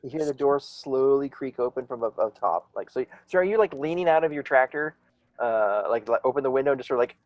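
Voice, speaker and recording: Game master, man; rambling, hesitant delivery, animated pitch, dry close sound. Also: fairly quick, dry recording, dull audio. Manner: rambling, hesitant, many fillers. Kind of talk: narrating a tabletop game.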